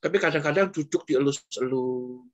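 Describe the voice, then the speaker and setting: A man speaking as a pastor, answering a question in a relaxed, conversational way. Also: moderate pace. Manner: conversational, repeats "Pak" often, lively swings in pitch. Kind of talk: casual preaching answer in an online church session. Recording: dull lo-fi online stream audio.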